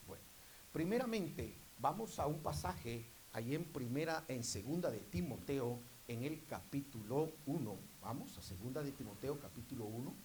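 A man preaching a sermon to his congregation, repeatedly calling out to them and rising into loud, emphatic bursts. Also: medium pitch, lively intonation, moderate pace, a little hiss or hum, low-quality recording.

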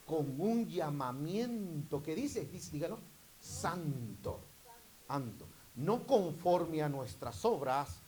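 A man's voice: fairly high pitch, poor audio. Emphatic preacher man, faint hiss. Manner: calls out to the congregation, rising to loud emphatic bursts. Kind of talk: sermon.

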